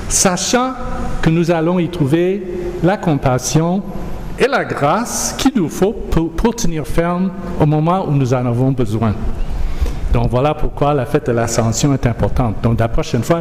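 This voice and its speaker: A man preaching a sermon and reading scripture aloud, with a measured, emphatic delivery. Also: on the high side, a little mellow, slight background noise. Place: church hall. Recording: echoey hall, faint ambience.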